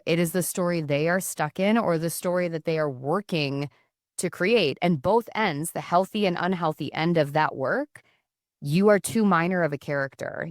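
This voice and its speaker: Low-voiced woman counsellor, earnest. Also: dry recording, clean studio sound. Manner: reflective, earnest and explanatory. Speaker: podcast guest, mental health counsellor. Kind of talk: casual podcast conversation.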